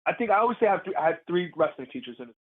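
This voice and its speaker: High-voiced wrestler guy telling ring stories, husky, sounds like it's over a phone line. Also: rapid-fire. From Puerto Rican heritage. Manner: animated, laughing, acts out crowd voices. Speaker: guest, professional wrestler. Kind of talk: casual interview storytelling.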